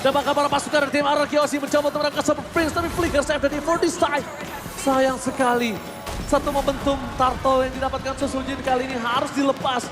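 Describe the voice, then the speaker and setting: A man with an Indonesian accent casting an esports match excitedly, with dramatic drawn-out calls and English gaming terms. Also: very high-pitched, reverberant, over music. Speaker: esports play-by-play caster.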